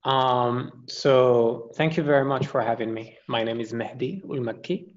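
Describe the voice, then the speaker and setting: A Moroccan man who lectures in computer science gives a relaxed, friendly webinar presentation, pausing often and using fillers. His voice is mid-range and the audio sounds dull.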